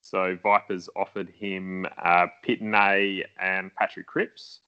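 Bright-voiced man, casual swearing. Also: low-pitched, flat delivery, takes it slowly, smooth. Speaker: podcast co-host. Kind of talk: casual fantasy football chat. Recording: dull lo-fi sound.

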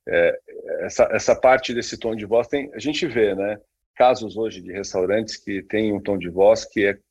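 A man's voice: lowish voice, steady tone, measured pace, husky, muffled recording. A man co-hosting a casual talk, speaking with many fillers and restarts. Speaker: podcast co-host. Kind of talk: casual conversation on branding.

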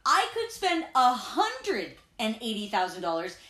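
A woman co-hosting a casual chat, telling stories with lively energy. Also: on the high side, unhurried. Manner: animated, laughing storyteller. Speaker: podcast co-host. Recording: echoey room.

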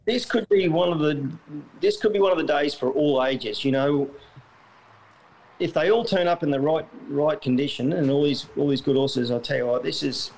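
A man's voice: on the high side, normal speed, a little mellow, rough recording. A middle-aged Australian man, a retired jockey, chatting in an interview with lots of fillers and restarts. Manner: rambling, self-correcting, many fillers. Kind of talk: casual interview.

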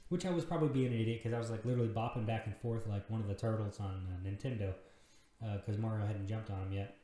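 Talking fast in a mellow, lowish voice, this thirty-something podcast host rambles alone at the mic, cursing freely and putting himself down. The room he records in is very echoey.

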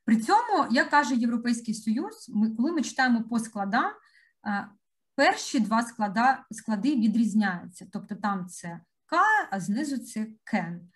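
A woman giving an expert presentation with slides, explaining step by step through examples and often pausing on hesitant fillers. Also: fairly high pitch, animated. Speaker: conference speaker.

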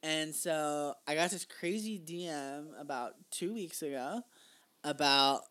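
A man's voice: fairly high pitch, slow, bright, forceful tone. A young man co-hosting a casual podcast, telling a family story in a rambling way with lots of fillers and restarts. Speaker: podcast co-host. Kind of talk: casual chat.

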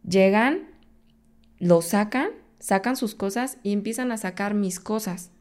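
A woman's voice: mid-range voice, a little slow, darkish tone. A woman with a Mexican accent, a podcast guest telling a personal story in conversation. She tells it intensely and acts out her own past pleas.

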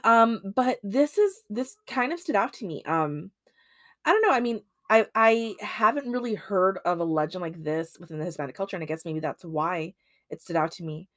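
A woman's voice: medium pitch, expressive, normal speed, no echo, studio quality. A woman hosting a solo podcast in casual chat, rambling with many ums and restarts. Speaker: podcast host.

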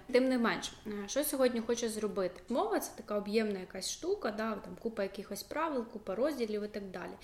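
A woman's voice: medium pitch, gravelly, roomy sound, a little hiss or hum. A young adult woman teacher, explaining a school subject in a casual, chatty way with many fillers and asides.

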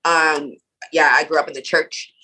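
A woman's voice: deep voice, level tone, normal speed, bright, forceful tone, slightly rough, low-quality recording. A woman from Nova Scotia, a guest in an interview, talking casually with lots of "like" and "um" fillers. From Canada (Nova Scotia). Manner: casual, many "like" and "um" fillers, laughs often.

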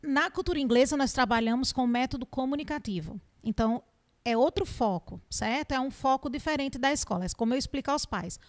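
Woman, Northeastern Brazilian accent, slightly high voice, English teacher, animated explainer, rhetorical questions. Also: brisk. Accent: Northeastern Brazilian Portuguese. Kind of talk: explanatory interview answers.

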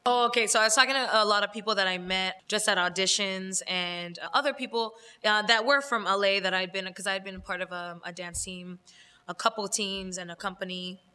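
A woman's voice: mid-range voice, fairly even intonation, fairly quick, pushed and bright, clear, resonant tone, in a large hall. A young woman from Los Angeles, speaking candidly as an interview guest and laughing often. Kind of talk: casual interview.

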